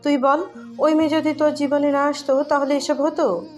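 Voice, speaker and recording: A woman's voice: sits high, little pitch movement, normal speed, voice pushed up, close to an everyday voice. A woman putting on a weepy scolding mother. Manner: scolding, accusing. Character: tearful angry middle-aged mother, blaming. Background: faint background music.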